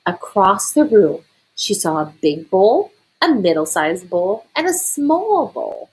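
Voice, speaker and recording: A woman reading a children's picture book aloud as a storyteller, expressive and deliberate. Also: medium pitch, breathy edge, low-quality recording.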